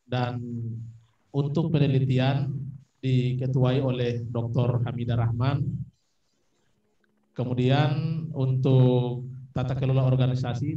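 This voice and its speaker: A man moderating a meeting, measured as he announces names and teams. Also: mid-range voice. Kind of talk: formal announcements. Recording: distant echoey lo-fi sound.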